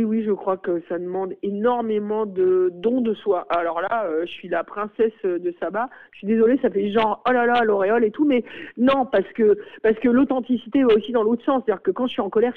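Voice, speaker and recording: A middle-aged woman, a school principal, talking in a radio interview, hesitant with many fillers and exclamations. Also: mid-range voice. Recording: phone-like radio sound.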